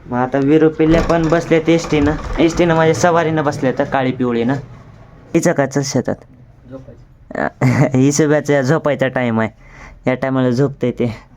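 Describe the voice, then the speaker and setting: Slightly mellow and fairly even, the young vlogger's voice moves at a moderate pace as he chats casually about his day in a rural Marathwada accent. Outdoor noise and traffic rumble fill the recording.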